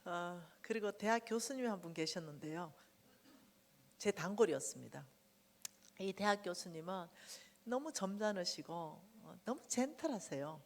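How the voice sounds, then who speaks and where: A woman's voice: lowish voice, moderate pace, vocal fry. A middle-aged woman giving a testimony sermon at a revival meeting, telling her story vividly. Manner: animated storytelling, acting out quotes loudly. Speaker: guest speaker at a church revival meeting. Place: church sanctuary. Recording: church hall reverb.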